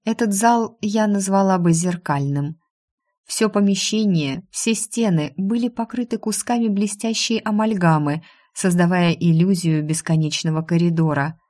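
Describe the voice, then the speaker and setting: A woman narrating a first-person fantasy novel in a steady, measured reading. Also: on the low side. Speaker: audiobook narrator.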